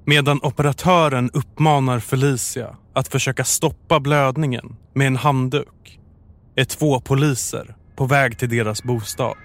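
A man narrating a true crime story in a calm, measured, scripted way. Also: medium pitch, no echo.

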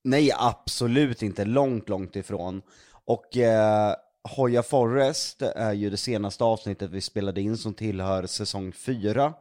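A man co-hosting a casual podcast, telling ghost-hunting stories in an excitable way and swearing a lot. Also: fairly low pitch. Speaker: podcast co-host, ghost hunter.

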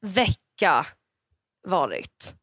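A woman's voice: fairly low pitch, very animated, heavy background noise. A middle-aged woman co-hosting a casual podcast, telling a story and acting out the lines she quotes. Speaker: podcast co-host.

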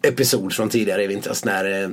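A man's voice: fairly low pitch, fairly even intonation. A man co-hosting a casual podcast chat, rambling, laughing often and swearing casually. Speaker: podcast co-host.

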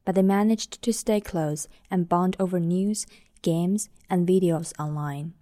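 Woman from china, muffled under a blanket, mellow low voice, calm measured narration. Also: dry recording, studio quality. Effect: muffled, recorded under a blanket. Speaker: producer and host. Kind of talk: scripted podcast narration.

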